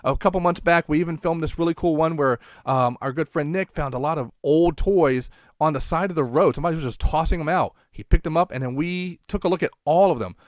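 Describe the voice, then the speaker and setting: A man hosts a casual live show in a fairly high voice. He talks to viewers like a folksy showman, slipping between sponsor plugs and asides. The sound is dry, with little room on it. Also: brisk, dry recording. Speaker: online show host.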